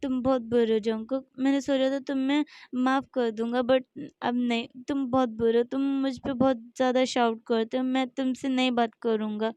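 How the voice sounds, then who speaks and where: A woman's voice: high voice, little pitch movement, normal speed, a little mellow, clear, resonant tone, dry recording, close to an everyday voice. Woman doing a crying, whiny young man. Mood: sulky. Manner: whiny, sobbing, broken-off words. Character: tearful young man, moody and clingy.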